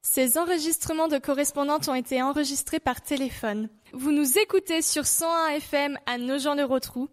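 A woman's voice: high voice, fairly even intonation, moderate pace. A woman presenting a school radio show, announcing the next segment in a scripted way. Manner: clear, announcing tone.

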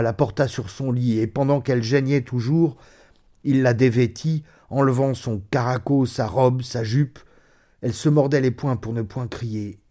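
Man, story narration, slow, dark mellow voice, measured, dramatic. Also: medium pitch. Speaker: reader. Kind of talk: scripted narration of a classic short story.

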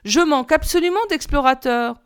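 A woman's voice: high voice, moderate pace, pitched above the performer's own voice, lightly acted. A woman voicing a self-important old male geographer in an audiobook reading, speaking in a formal, lecturing way.

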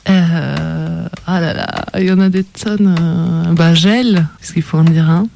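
A woman's voice: fairly low pitch, slow, creaky, dark tone, slight background noise. A woman writer as a radio guest, giving short thoughtful answers with hesitant fillers. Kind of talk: casual radio interview.

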